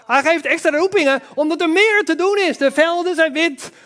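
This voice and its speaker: A man's voice: very high-pitched, moderate pace, a bit bright. A man giving a church sermon, who talks with enthusiasm, throws in exclamations and speaks straight to the congregation. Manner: addresses the congregation directly. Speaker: preacher.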